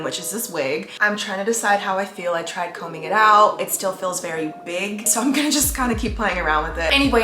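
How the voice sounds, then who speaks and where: A woman's voice: mid-range voice, pushed and bright, echoey room. Bubbly young woman vlogging. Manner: bubbly, chatty, laughs often; whispers while backstage. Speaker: actor and vlogger. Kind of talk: casual vlog chat.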